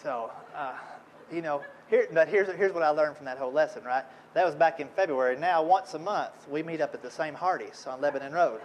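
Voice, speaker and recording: A man's voice: fairly high pitch, brisk, a little hiss or hum, poor audio. A middle-aged man from Tennessee with a Southern accent, telling a self-deprecating funny story to an audience at an event. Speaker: speaker at an industry event. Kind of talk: humorous storytelling talk.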